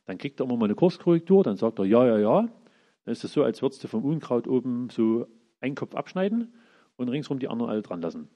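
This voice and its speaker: Guy preaching casually, voice swings up and down a lot, kinda husky. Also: mid-range voice, fast, lo-fi sound. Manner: lively, acts out the characters' lines in everyday speech. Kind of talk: informal sermon retelling Bible stories.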